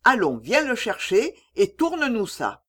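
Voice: mid-range voice, wildly swooping pitch, a little slow, a bit bright, voice pushed up, exaggerated voice. A reader voicing a stern, domineering old uncle who gives clipped orders in a read-aloud story. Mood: coaxing.

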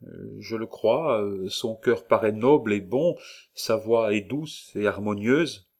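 A man reading the part of a gentle, devoted young woman, speaking softly and earnestly. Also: on the low side, slow pace. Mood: tender.

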